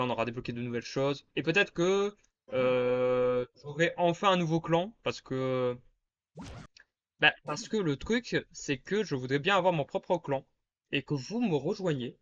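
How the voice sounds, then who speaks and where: A man giving casual, self-mocking commentary over his gameplay and chatting with his viewers. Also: on the high side. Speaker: gaming YouTuber. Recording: dull lo-fi sound with faint background noise.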